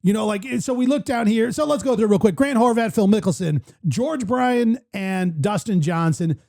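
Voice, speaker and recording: High, gravelly man telling animated stories. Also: moderate pace. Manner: animated storyteller, acts out voices. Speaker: podcast host. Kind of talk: casual chat.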